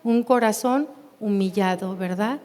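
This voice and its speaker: A woman with a Mexican Spanish accent teaching a Bible class in a church, unhurried and often asking her listeners questions. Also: medium pitch, dark tone. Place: church hall. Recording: long hall reverb.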